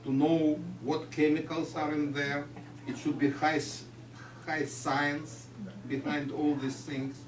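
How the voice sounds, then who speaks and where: A man's voice: on the high side, flat delivery, slow pace. A man with a Ukrainian accent, a guest lecturer answering audience questions with non-native phrasing and patient explanations. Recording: echoey room, far mic, noisy.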